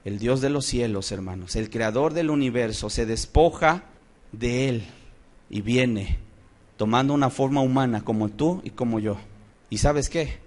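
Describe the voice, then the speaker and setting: A man preaching a Bible-study sermon. He is impassioned, swings from soft to loud, and asks rhetorical questions. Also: mid-range voice, unhurried.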